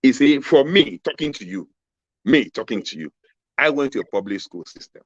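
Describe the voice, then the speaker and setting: A Ghanaian man in his fifties answers questions over a video call that keeps freezing and dropping out. His audio sounds dull and dry, with no room around it. He speaks at a middling pitch, emphatic and repetitive, hammering home his key points. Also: animated, moderate pace, dry recording. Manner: emphatic, repeats key phrases. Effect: video call audio that keeps freezing and cutting out. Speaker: political candidate being interviewed. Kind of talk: remote interview answers.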